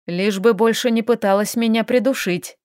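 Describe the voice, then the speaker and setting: A woman voicing a calm, teasing male elf in an audiobook, speaking a little lower and steadier than her narration. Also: moderate pace, no room sound, clean studio sound, natural voice.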